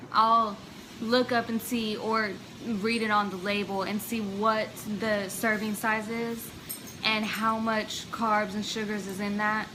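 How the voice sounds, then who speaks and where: Flat-voiced woman explaining routines. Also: medium pitch, noisy background. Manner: practical, step-by-step, even-toned. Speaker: vlogger's wife. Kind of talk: casual explaining to camera.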